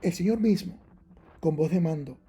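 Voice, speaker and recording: A man with a slightly high, husky voice and a dark tone preaches a Bible-teaching sermon at a normal pace. He is emphatic and argumentative, challenging rival readings and repeating his key points over and over.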